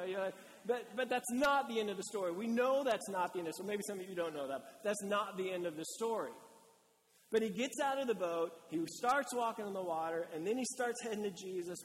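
A man's voice: high voice, long reverb tail, low-quality recording. A male pastor preaching a conversational sermon, acting out quoted voices as he talks.

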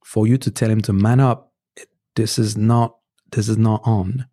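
As a guest in a conversational podcast interview, a French man with a French accent gives earnest relationship advice in a fairly low, steady, dark voice. French is his first language. Frequent "um"s and restarted phrases mark his hesitant advising.

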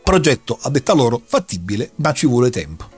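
A man's voice: mid-range voice, big pitch swings, a little fast, husky, faint music behind. A man recounting a long story in a casual chat, telling it with dramatic flair. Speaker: podcast host recounting an anime plot.

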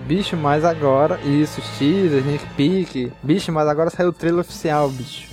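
A Brazilian Portuguese-accented man with a somewhat high voice co-hosts a casual fan podcast. He talks in an effusive, slangy and emphatic way, with music playing faintly behind him. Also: moderate pace. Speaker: podcast co-host. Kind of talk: excited casual fan chat.

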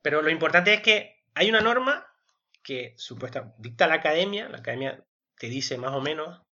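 A man co-hosting a casual podcast, explaining at length in a bright, forceful voice. He thinks aloud with fillers and keeps checking in with little tag questions. The recording is dull and lo-fi. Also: on the high side, animated, moderate pace. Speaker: podcast co-host.

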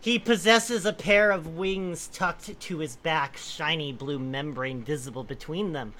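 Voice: medium pitch, unhurried, a bit bright. A person reading a comic story aloud to friends, breaking off into casual, amused asides.

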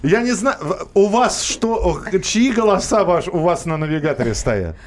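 A man's voice: high voice, lively intonation, moderate pace, slight background noise. A man hosting a casual radio show about cars, playful and joking with his co-hosts. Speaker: radio host. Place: radio studio.

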